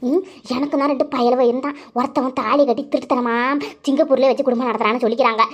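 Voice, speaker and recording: A woman's voice: high voice, fairly even intonation, rapid-fire. A woman voicing a grasping, jealous middle-aged village aunt in a cartoon, scolding and wheedling. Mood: scheming. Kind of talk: cartoon voice acting.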